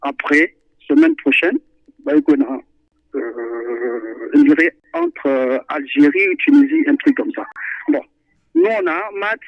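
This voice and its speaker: A man phones in to a radio show to talk football, speaking animatedly but hesitating often and repeating himself. His voice sits on the high side with a measured pace and a creaky texture. There's no echo, though the phone line sounds tinny.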